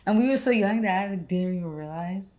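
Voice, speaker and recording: A woman's voice: mid-range voice, animated, a little fast, warm tone. A young woman co-hosting a podcast, talking in a casual, rambling way with lots of "like" fillers. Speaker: podcast co-host. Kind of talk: casual conversational chat.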